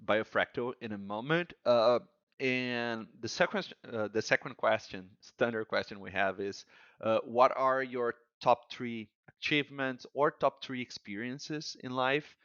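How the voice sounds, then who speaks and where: A man's voice: medium pitch, a little slow, a bit bright, clear, resonant tone, no room sound, muffled recording. A man hosting a podcast, friendly and leaning on many "uh" fillers. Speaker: podcast host. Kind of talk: podcast interview.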